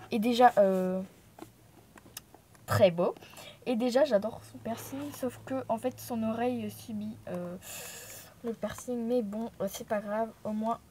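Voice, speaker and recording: Une jeune femme originaire de Thaïlande, bavarde et dispersée, pleine d'hésitations et d'excuses, filmée au téléphone dans son appartement. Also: female voice, a little high, darkish tone. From Thailand. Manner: chatty, scattered, lots of fillers and apologies. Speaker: vlogger. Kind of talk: casual chat to camera. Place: apartment room at home. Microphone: phone held in hand.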